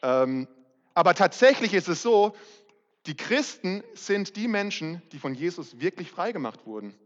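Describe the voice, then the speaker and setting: A man's voice: sits high, big pitch swings, normal speed. A middle-aged man preaching a sermon as pastor, candid and self-mocking in a conversational way. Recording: muffled, reverberant hall recording.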